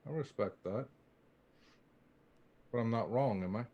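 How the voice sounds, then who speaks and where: A man playing a tabletop role-playing game, improvising dialogue in a wry, halting way. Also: medium pitch, muffled recording. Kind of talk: improvised in-character table talk.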